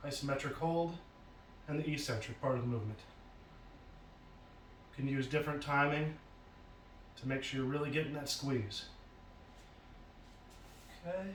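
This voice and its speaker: Brief: male fitness instructor, slightly high, even delivery, casual demo patter, roomy echo from a distant camera. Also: slight background noise. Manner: explains while demonstrating moves, casual and plain. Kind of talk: exercise demonstration lesson. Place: home basement. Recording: roomy echo from far off, faint ambience.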